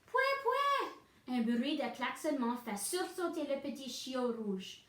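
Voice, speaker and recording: A woman reading a picture book aloud to children, pausing to explain the story. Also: high-pitched, animated, a little mellow, roomy sound. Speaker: reader.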